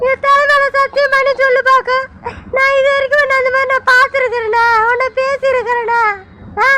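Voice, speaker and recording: Actress as a tearful family matriarch in a village drama, high and shrill, calling out from a distance. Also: female voice, a little hiss or hum. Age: older. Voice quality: loud, tearful pleading. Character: grieving mother-in-law, family elder. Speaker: actor. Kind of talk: Tamil family drama acting.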